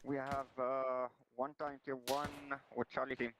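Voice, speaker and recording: A man's voice: medium pitch, little pitch movement, measured pace, a bit bright. A man talking to his squad during a military game. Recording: noisy game chat, gunfire behind.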